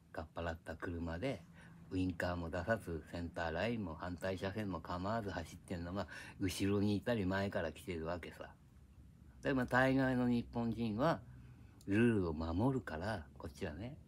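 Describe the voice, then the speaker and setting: An older man, reminiscing in a rambling, gruff casual monologue recorded on an iPad. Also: deep voice, slight background noise. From Japan. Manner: reminiscing, drifting between tangents, gruff casual speech. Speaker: vlogger.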